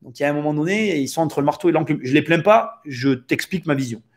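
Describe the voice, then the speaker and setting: A man's voice: fairly high pitch, fast talker. A man hosting a real estate podcast, speaking in a casual, opinionated monologue with rhetorical questions and frequent hesitations. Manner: hesitant, many fillers and restarts, rhetorical questions.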